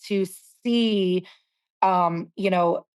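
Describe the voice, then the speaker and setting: A woman's voice: lowish voice, drawn-out words, darkish tone, clean tone. Reflective woman in her forties. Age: 40s. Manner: reflective, searching for words. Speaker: guest singer. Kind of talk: candid interview talk.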